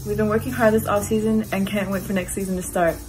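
A teenage girl from Hawaii, a softball player, reading a short scripted introduction of her team. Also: mid-range voice, steady tone, quick pace, faint music behind, low-quality recording. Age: teens.

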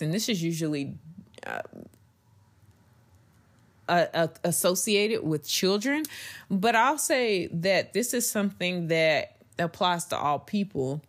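Low-voiced woman, earnest podcast host. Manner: earnest, rambling with restarts. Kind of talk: faith-based podcast monologue.

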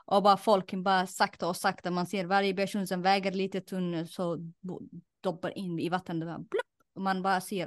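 A young woman from Somalia, a non-native speaker, recounting a harrowing past in a halting way with many fillers. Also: fairly low pitch, no room sound, studio quality. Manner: plain, halting retelling with many fillers and reenacted quotes. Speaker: guest. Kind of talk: personal testimony interview.

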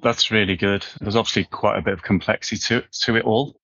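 A man's voice: on the low side, steady tone, fast talker, fairly bright tone, slightly rough, dry recording, muffled recording. A man hosting a podcast, reading a polished scripted introduction and then putting questions to his guest. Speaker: podcast host.

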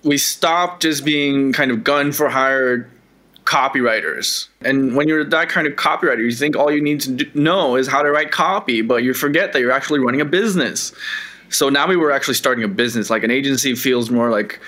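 A man, a podcast co-host, explaining business lessons in a steady, casual way with occasional swearing. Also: mid-range voice, a little fast.

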